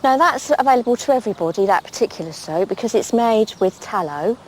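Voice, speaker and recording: A woman's voice: mid-range voice, animated, fast talker, a crowd in the background, poor audio. A woman historian demonstrating objects and explaining them in a practical, matter-of-fact way.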